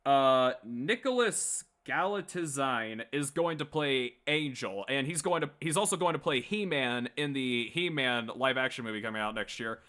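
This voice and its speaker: Medium-pitched and animated, this man's pushed, bright voice moves at normal speed with barely a pause. He's a blunt, swearing livestream host rambling through opinionated fan talk to his live chat.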